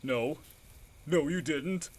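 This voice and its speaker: A man's voice: a little high, takes it slowly. A man voicing a timid male gorilla with allergies who apologizes and stammers. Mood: self-pitying. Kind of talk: fan audio drama acting.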